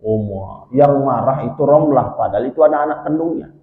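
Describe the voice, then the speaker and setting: A male preacher telling a story in a sermon, lively and constantly addressing the congregation. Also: medium pitch, normal speed, phone-quality sound. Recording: echoey hall.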